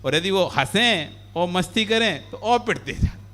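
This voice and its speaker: High, bright-voiced man preaching. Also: unhurried. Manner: animated, playful, acts out the characters. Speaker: Jain monk preaching. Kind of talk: sermon with storytelling.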